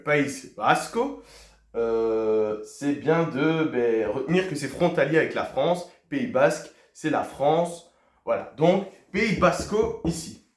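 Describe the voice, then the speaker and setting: Slow, lively-voiced man teaching in an echoey room. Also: on the high side. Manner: teacherly, poses quiz questions to viewers; hesitant fillers, repeats key words. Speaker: Spanish teacher. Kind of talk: video lesson.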